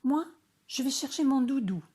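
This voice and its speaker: A woman voicing an anxious little boy frog, with a high, worried childlike tone. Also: animated, normal speed, mellow.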